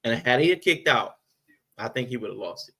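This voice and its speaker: A man in casual podcast chat, breaking down a match with animated energy. He laughs easily and repeats his points for emphasis, in an ordinary mid-range voice. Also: medium pitch, a little fast, low-quality recording. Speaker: podcast co-host. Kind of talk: casual wrestling review chat.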